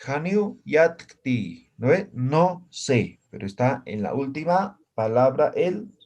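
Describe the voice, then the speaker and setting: A man's voice: medium pitch, big pitch swings, slow pace, darkish tone. A man teaching a language class, patiently explaining and often checking in with his students. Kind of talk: classroom lesson.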